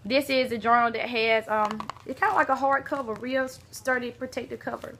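Bright-voiced gushing woman. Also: on the high side, fairly even intonation, fairly quick, a little hiss or hum. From Alabama. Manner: gushing, exclaims often, talks to viewers as y'all. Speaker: beauty vlogger. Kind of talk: casual mail swap unboxing.

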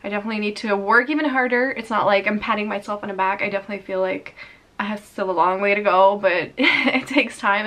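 A woman's voice: mid-range voice, a bit bright. Chatty young woman vlogging at home. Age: young adult. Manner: chatty, filler-heavy, with frequent little laughs. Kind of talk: casual sit-down chat to camera. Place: dim room at her mother's home, indoors.

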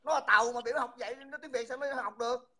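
Man, bright voice, mocking and insulting, repeats himself, livestream host. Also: extremely high pitch, quick pace. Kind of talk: heated livestream taunting.

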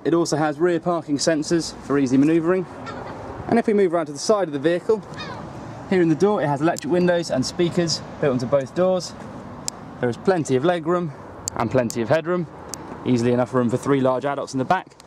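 A man's voice: a little high, a little mellow, a little hiss or hum. A man with a Welsh accent, presenting a car in a scripted walkaround on an outdoor dealership forecourt. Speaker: car salesman presenting a vehicle.

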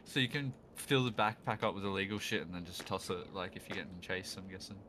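Curious gamer asking questions. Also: male voice, low-pitched, fast talker. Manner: curious, asks questions, joking. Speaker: co-op gaming friend. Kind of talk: casual multiplayer gaming chat. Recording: background noise on voice chat.

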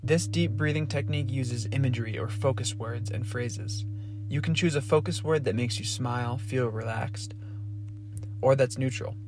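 A man giving guided breathing instruction in a calm, measured, step-by-step manner. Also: medium pitch, background noise. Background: music with singing bowls.

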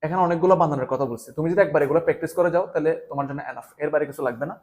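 A man from Bangladesh runs an exam-prep lesson at a quick clip. He speaks straight to his students and hammers home key points through repetition. His voice sits a little higher than most men's. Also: a little mellow. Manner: repetitive, emphatic, addresses students directly. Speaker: exam tutor.

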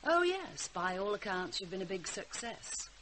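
In a naturalistic radio drama, an actress plays a weary, sarcastic mother of a rebellious teenage girl, with a dry, brittle manner. Her mid-range voice is very animated, a bit bright and at normal speed, and the hissy recording has poor audio.

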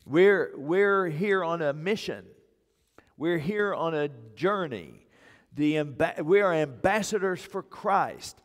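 An older pastor preaches a sermon from a church sanctuary stage on a wireless mic, his voice a little high and expressive. He takes it slowly, driving his points home with repeated phrases. The hall's long reverb carries through the recording.

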